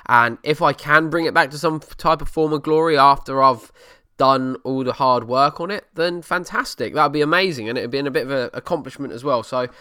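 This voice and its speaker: A man from Essex speaks in a strong-edged, bright voice with an Essex accent. He chats casually as a podcast host answering questions. The sound is clean and dry, close with little room on it. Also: medium pitch, brisk, clean tone, dry recording. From Essex, England. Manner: drops letters, over-pronounces some words.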